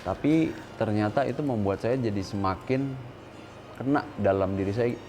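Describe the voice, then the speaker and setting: Speaking with a lowish, slightly mellow voice at normal speed, a man in his thirties appears as an interview guest, candid and earnest. He drops English words into his speech and puts stressed rises on quotes from others, over a little hiss or hum.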